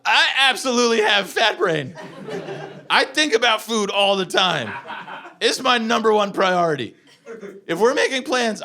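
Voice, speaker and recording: A man's voice: sits high, sharp tone. A man in his forties doing a stand-up comedy set, telling brash, profane stories and acting out the quotes. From United States. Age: 40s. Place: comedy club stage before a laughing audience. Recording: live club recording with crowd laughter.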